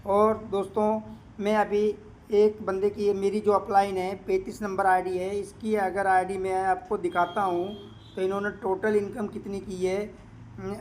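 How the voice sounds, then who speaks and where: A man walking viewers through a screen of earnings and doing the sums aloud, repeating the figures and pausing often to hesitate. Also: sits high, slight background noise. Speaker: crypto income promoter. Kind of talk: screen-share walkthrough with running calculations.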